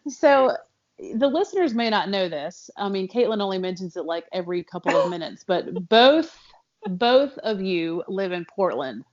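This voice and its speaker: Chatty woman podcaster, lively and laughing. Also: mid-range voice. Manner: animated, quick to laugh, with many fillers and restarts. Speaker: podcast co-host. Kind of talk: casual chat. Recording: slightly dull, lo-fi audio.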